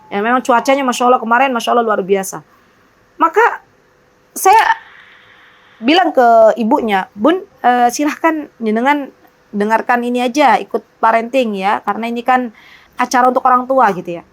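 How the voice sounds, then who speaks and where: A woman teaches a religious parenting class in a fairly high voice. She tells stories animatedly, throws rhetorical questions at her listeners and peppers her talk with pious exclamations. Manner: often exclaims religious phrases. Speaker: Islamic teacher.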